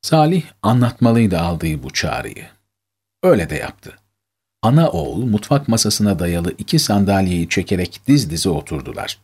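Low husky male storyteller. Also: big pitch swings, normal speed, darkish tone. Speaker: narrator. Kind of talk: scripted story narration.

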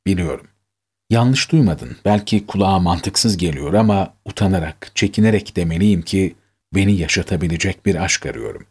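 A man reading aloud the love letter of a seriously ill woman, in an earnest, gentle, pleading way. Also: low voice, normal speed, breathy edge. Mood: tender, hopeful.

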